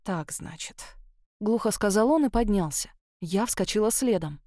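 A woman narrating a first-person novel in an expressive reading voice. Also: mid-range voice, moderate pace, no room sound, studio quality. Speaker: audiobook narrator.

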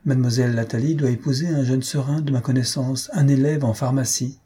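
A man's voice: mid-range voice, steady tone, fairly quick, mellow, slightly rough. A man reading aloud, voicing a carefree young nephew who teases and cajoles his aunt. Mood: arguing. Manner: cajoling, flippant.

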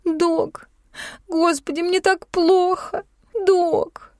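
A woman doing a sharp-tongued defiant heroine. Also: expressive, normal speed, no room sound, studio quality. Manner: sharp, defiant, raised pitch.

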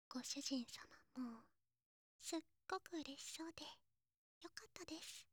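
A woman's voice: high-pitched, slow pace, long pauses, dry recording, studio quality. A woman voicing a devoted, sweet young maid in an intimate ASMR role-play, speaking politely and clingingly to her master. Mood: tender, happy. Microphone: close mic in a dry room.

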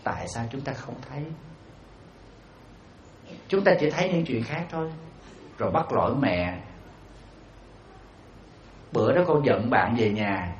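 A man's voice: medium pitch, measured pace, long pauses, slight background noise. A man giving a storytelling dharma talk as a Buddhist monk, putting rhetorical questions to his audience. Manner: animated, acts out quoted voices. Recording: roomy, slightly dull hall recording.

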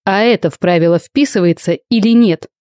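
A woman's voice: medium pitch, a little fast, mellow, dry recording, clean studio sound, natural voice. A woman voicing a curt, hot-tempered young male dragon student. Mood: challenging. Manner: curt and challenging.

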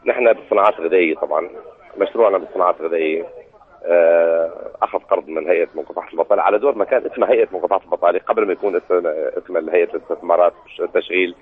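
A man's voice: low voice, rapid-fire, breathy edge. A man from southern Syria with a Syrian Arabic accent answering in a live radio interview over a muffled line. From Sweida, Syria. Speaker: food producer being interviewed.

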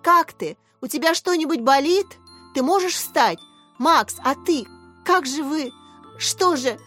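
A woman voicing a gentle, anxious teenage girl in an audiobook, speaking softly in a raised voice. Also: high voice, lively intonation, unhurried, soft background music, voice pushed up. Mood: tearful.

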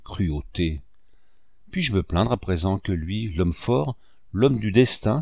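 Storybook role: man playing an aging painter, hurt and indignant, low and gravelly. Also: darkish tone, dry recording, studio quality, exaggerated voice. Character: old sorrowful male painter, indignant.

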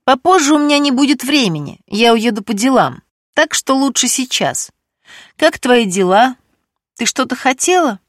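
A woman's voice: sits high, moderate pace, dry recording, studio quality, pitched above the performer's own voice. Woman voicing a brash, pushy woman friend. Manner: raised, pushy, lively. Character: brash scheming woman friend, self-satisfied.

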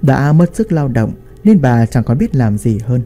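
A man narrating a family story in an expressive storytelling style. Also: medium pitch, unhurried.

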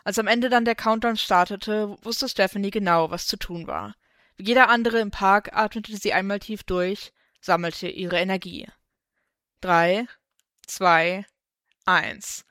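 A woman reading a fan story aloud in steady, even narration, close to the microphone. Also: mid-range voice, normal speed, no room sound. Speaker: fanfiction reader.

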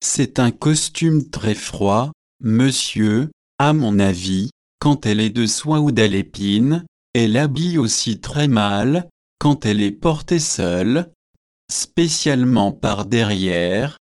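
A man's voice: mid-range voice, expressive, slow, a little mellow, dry recording. A man voicing a wry young man who speaks with dry, mild mockery. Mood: critical.

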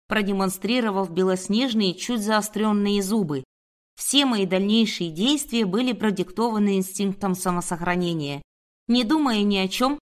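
A woman reading a first-person audiobook in a steady, measured manner. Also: medium pitch. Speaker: audiobook narrator. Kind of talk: first-person scripted narration.

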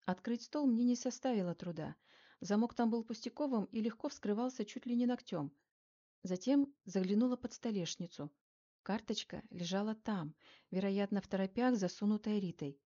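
Woman narrator, audiobook, measured storytelling, mellow voice, lo-fi audio. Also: mid-range voice. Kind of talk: scripted first-person narration.

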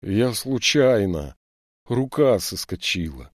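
A hulking, sullen teenage boy snaps back and protests his innocence, as a male narrator puts him on. The voice is pushed up from the reader's deep tone, loud and defiant, in a dry close room. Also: very animated, slow pace, no echo, full character voice. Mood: sulky. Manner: sulky, protesting, snapping back.

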